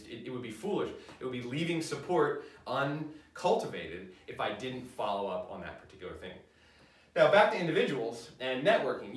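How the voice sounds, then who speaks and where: A man's voice: medium pitch, a bit bright. Man lecturing in an echoey room. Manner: conversational, frequent fillers and restarts. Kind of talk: university lecture. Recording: roomy echo, mic at a distance.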